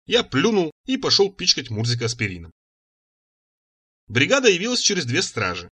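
A man narrating a first-person audiobook in an expressive, ironic manner. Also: on the high side, moderate pace, breathy edge. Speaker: audiobook reader.

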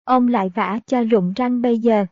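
A woman's voice: a little high, fairly even intonation, moderate pace, dry recording, natural voice. Woman reading as a hot-tempered rude servant. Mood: scornful. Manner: gruff, threatening. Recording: dull, dry audiobook recording.

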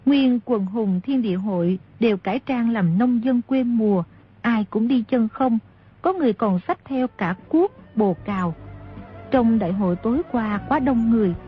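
Husky higher-voiced woman reading a novel, dull lo-fi sound. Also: moderate pace, faint music behind. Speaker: audiobook narrator. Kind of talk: scripted narration of a martial-arts novel. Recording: dull lo-fi audio.

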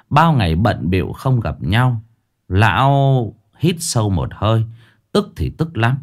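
A man's voice: lowish voice, a little mellow. A man narrating a ghost story expressively, acting out every voice. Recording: faint background music.

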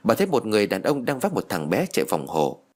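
A man reads a village story aloud as an audiobook. His voice sits on the low side and rises and falls with lively expression. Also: fast talker, slightly rough.

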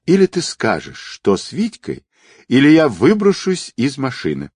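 A man's voice: sits low, sing-song, normal speed, darkish tone, slightly rough, dry recording, studio quality, full character voice. A man reading aloud, voicing a frightened young woman who pleads and snaps at a friend. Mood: angry. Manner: pleading, frantic. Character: anxious, tearful young woman.

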